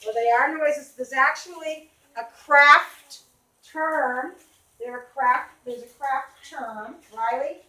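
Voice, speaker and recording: High, bright-voiced Boston-accented teacher. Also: female voice, takes it slowly. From Boston area. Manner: questioning, calls on students by name. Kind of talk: classroom reading lesson. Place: classroom. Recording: echoey classroom.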